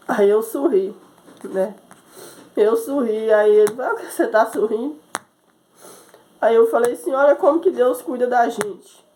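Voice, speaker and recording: Her voice runs on the high side and sounds warm, with slight background noise behind it. The missionary preacher shares a personal testimony as a sermon, imitating the people she quotes and often saying "né?".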